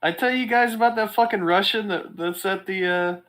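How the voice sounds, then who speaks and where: A man's voice: high voice, normal speed. A man co-hosting a casual chat show, swearing freely and telling stories with animation. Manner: crude, animated storyteller. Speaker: co-host.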